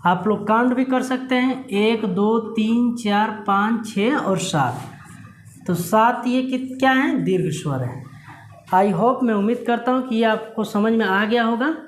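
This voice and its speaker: A male Hindi teacher giving a classroom lesson at a board. He dictates slowly word by word, repeats points and keeps checking that students follow. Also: high-pitched, reverberant. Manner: checks understanding with frequent questions.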